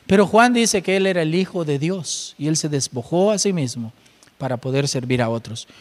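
A man's voice: on the high side, lively intonation, moderate pace, in a large hall. A man preaching a sermon, explaining scripture and asking his listeners rhetorical questions.

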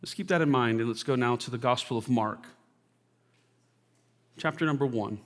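A man, a pastor, preaching a sermon, reading scripture aloud with rising emphasis and praying softly during a live church service. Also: medium pitch, moderate pace. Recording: long reverb of a large hall.

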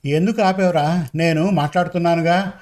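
A man's voice: on the high side, steady tone, moderate pace, darkish tone, lightly acted. A man reading the lines of an impulsive young male college friend, blunt and brash in his talk. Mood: irritated.

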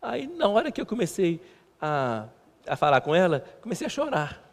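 A male pastor preaching a sermon in a halting, conversational way, repeating words and poking fun at himself. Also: high voice, sing-song. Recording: long church hall reverb.

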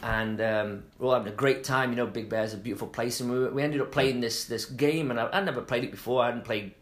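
A man's voice: medium pitch, fast talker. Rambling middle-aged man chatting casually. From England. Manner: rambling, trails off mid-sentence with fillers. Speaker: podcast co-host. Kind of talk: casual chat.

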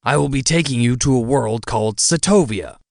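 A man voicing a tiny, smug, bat-winged male demon who mocks and threatens in a quick, lowered voice. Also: vocal fry, no echo, clean studio sound, lightly acted. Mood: menacing. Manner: mocking, quick, menacing.

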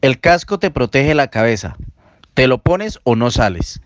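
A man's voice: medium pitch, very animated, a little slow, no room sound. A man playing a firm, protective father in a children's radio story. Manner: firm, instructing.

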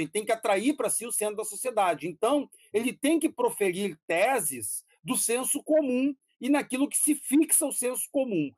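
A man's voice: sits high, no echo, studio quality. A middle-aged Brazilian man, a philosophy professor, talking casually in long digressions, laughing and swearing now and then. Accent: Brazilian Portuguese. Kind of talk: casual conversational talk.

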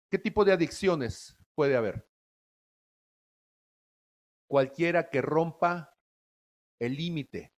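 A man preaching a sermon in a folksy way, often checking in with the audience. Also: medium pitch.

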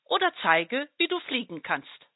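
A woman's voice: a little high, very animated, a little slow, no room sound. A woman voicing a small male blue butterfly who laughs and mocks a flower in a storybook tale. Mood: mocking. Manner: teasing, laughing. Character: giggly mocking little male blue butterfly. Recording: dry, tinny phone-like sound.

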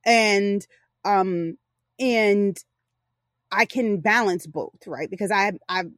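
A woman's voice: mid-range voice, slow, a bit bright, no echo. A woman in her forties co-hosts a casual podcast chat. She speaks candidly and loosely, backing up to correct herself as she goes. Her voice sits close and dry, with no room sound. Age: 40s. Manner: candid, rambling, self-correcting. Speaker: podcast co-host.

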